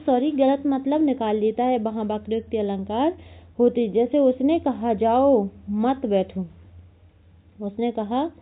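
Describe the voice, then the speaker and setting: A woman with a fairly high voice teaches a grammar lesson at an unhurried, deliberate pace. She repeats each definition and example, pausing to correct herself. The sound is thin and tinny, as if over a phone line. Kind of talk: exam-prep lesson.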